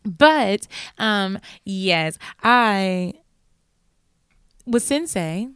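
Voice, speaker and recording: Bubbly twenty-something woman, very clear voice. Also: medium pitch, animated, extremely slow, fairly bright tone, no room sound, studio quality. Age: 20s. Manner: bubbly, chatty, laughs often. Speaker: singer and guest. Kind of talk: casual chat.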